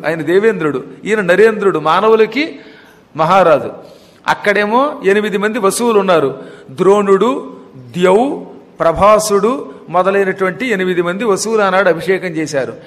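A man giving a devotional discourse, teacherly and addressing listeners directly, slowly chanting verses and then explaining them. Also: high voice. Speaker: religious discourse speaker. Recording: long hall reverb.

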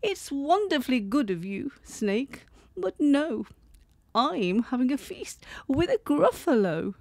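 A woman voicing a small, clever, boastful mouse in a high, emphatic voice. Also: sing-song, slow pace, vocal fry, a little mellow, no room sound, full character voice.

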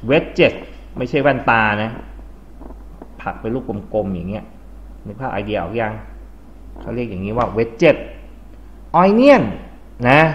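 With a rather low voice, a Thai teacher goes over English words with his class and quizzes the students. High frequencies are missing from the recording.

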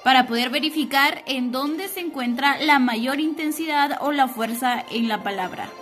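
A young woman teaching a recorded primary school lesson, speaking slowly and clearly and asking the children questions. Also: high-pitched, music in the background. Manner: patient, slow and clear, asking the class questions.

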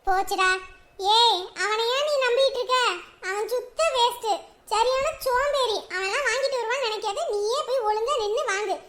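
A woman's voice: extremely high pitch, normal speed, a bit bright. A woman voicing a cheeky, quarrelsome young village girl who bickers and teases. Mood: scolding.

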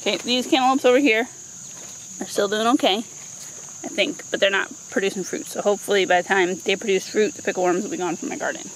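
Speaking a little fast in a mid-range voice, a woman in her thirties leads a casual, playful vlog tour of her home vegetable garden outdoors, full of informal asides. The handheld camera microphone yields a low-quality recording with noticeable background noise.

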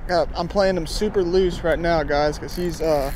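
Guy on a kayak, fairly high voice, chatty fishing vlog, faint wind and water in the background. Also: normal speed. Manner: excited, chatty, says man and guys a lot. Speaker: fishing vlogger. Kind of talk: casual outdoor vlog commentary. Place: kayak on open water under a bridge. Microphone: action camera on chest and pole.

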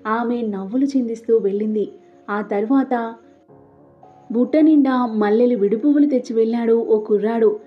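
A woman tells an audiobook story and reads all of its dialogue herself in a soft way. Her voice sits somewhat high, and the recording is a little dull. Gentle music plays faintly beneath her. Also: moderate pace.

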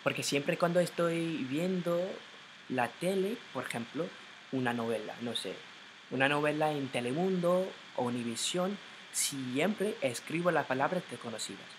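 A man's voice: on the high side, lively intonation, measured pace, background noise. A young man from the United States, a native English speaker, vlogging casually at home in Spanish into a laptop mic, hesitant and stumbling, often restarting and correcting himself. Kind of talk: casual learner's vlog in Spanish. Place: at home in his room.

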